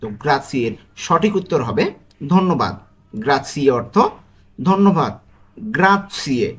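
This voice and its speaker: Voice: medium pitch, lively intonation, moderate pace, a bit bright, husky. A language teacher running a vocabulary quiz, repeating each word and answer and checking in with listeners. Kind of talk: quiz-style language lesson.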